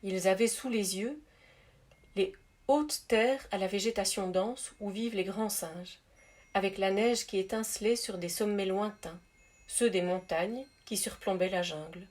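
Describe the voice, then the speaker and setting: Woman gently reading a spiritual tale. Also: mid-range voice, a little slow. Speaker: storyteller reading aloud. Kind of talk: calm read-aloud storytelling.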